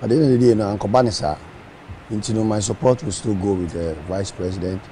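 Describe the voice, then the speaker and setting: Guy chatting politics, kinda halting, warm low tone, light hiss. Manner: hesitant, repeats words. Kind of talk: casual political discussion.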